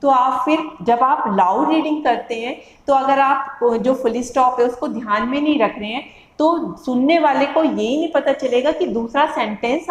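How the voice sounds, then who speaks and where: A woman teacher educator giving a lecture, explaining with everyday classroom examples and repeating key terms in two languages. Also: a little high. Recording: echoey room.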